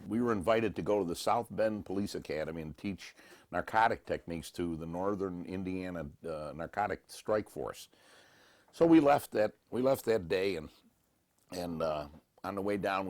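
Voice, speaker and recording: A man telling a lively anecdote and acting out the quotes. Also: deep voice, no echo, studio quality. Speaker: interviewee. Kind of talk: casual storytelling.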